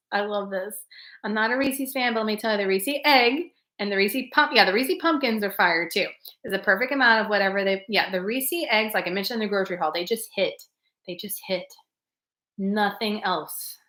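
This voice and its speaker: A bright, chatty woman, hosting a live stream and talking straight to her viewers. She laughs easily, and her pitch sits a little high. The room around her sounds echoey. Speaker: livestream host reading chat. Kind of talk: casual live chat.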